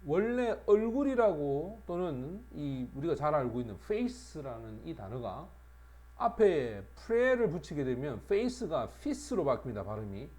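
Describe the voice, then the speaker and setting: A middle-aged male English teacher delivers a vocabulary lecture for exam prep. His voice sits a little high and moves with lively rises and falls. He constantly checks in with his students through short tag questions. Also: moderate pace.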